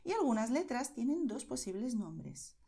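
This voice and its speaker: Woman, Spanish lesson, warm mellow tone, patient and clear. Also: a little high, big pitch swings, moderate pace. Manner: patient, spells letters out, checks in with "¿vale?". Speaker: Spanish teacher. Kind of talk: slow, clear teaching to beginners.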